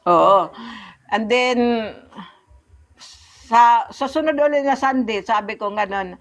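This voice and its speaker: Higher-voiced woman telling her faith story. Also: expressive. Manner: earnest storytelling, often pauses and restarts; replays remembered dialogue in a raised voice. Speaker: church member giving testimony. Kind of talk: personal faith testimony in conversation.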